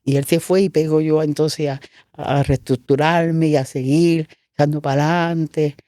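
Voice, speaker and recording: A woman's voice: low-pitched, steady tone, moderate pace, mellow, dry recording, studio quality. A woman pastor giving her testimony in an interview, telling her story with feeling and acting out the dialogue she quotes.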